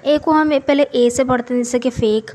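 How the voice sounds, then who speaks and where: A woman with a high voice gives a spoken English lesson, her first language Urdu. She walks through each rule step by step and says example words slowly, one at a time, repeating them for learners. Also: a little mellow. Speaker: English teacher.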